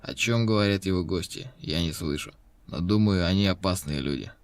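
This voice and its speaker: In a scripted lesson recording, a male actor plays a suspicious seventy-six-year-old pensioner who writes to the police, using a strained voice. His voice is low and brisk, with no echo, close to everyday speech.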